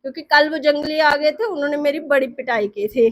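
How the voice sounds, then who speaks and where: A woman voicing a timid young male friend who scares easily, speaking in a pleading, worried way and a little lower than her own voice. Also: brisk, natural voice. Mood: anxious.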